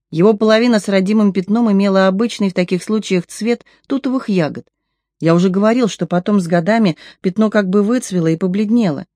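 Brief: measured first-person audiobook narrator, mellow tone, dry close sound. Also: medium pitch, no room sound.

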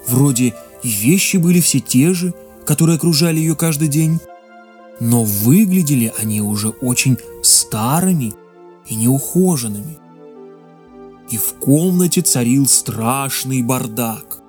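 A narrator reading a fairy tale in a measured, expressive way. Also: mid-range voice, soft background music. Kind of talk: storybook narration.

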